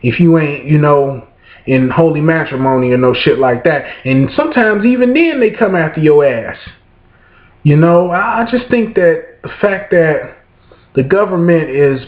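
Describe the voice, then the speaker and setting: Profane rambling man, high voice, vlog rant; muffled, lo-fi webcam sound. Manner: rambling, swears constantly, keeps asking "you know what I'm saying". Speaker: vlogger. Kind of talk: profane ranting monologue. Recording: roomy, dull lo-fi room sound.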